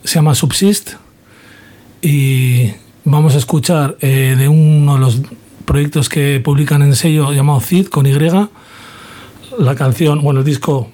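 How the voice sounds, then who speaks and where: A man's voice: on the high side, steady tone, a little slow, dark tone. A man from hosting a music radio show, talking in a rambling, informal way and often correcting himself. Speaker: radio host. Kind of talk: casual radio show chat.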